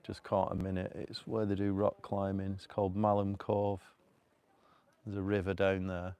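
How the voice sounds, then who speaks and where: Gravelly low Mancunian man, rambling outdoors. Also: monotone, normal speed, darkish tone. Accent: Northern English (Manchester). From North Manchester, England. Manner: rambling, chatty, laughs often, many fillers. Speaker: vlogger. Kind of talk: casual live stream talk. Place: outdoors at a rocky cove by a river. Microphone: phone on a selfie stick.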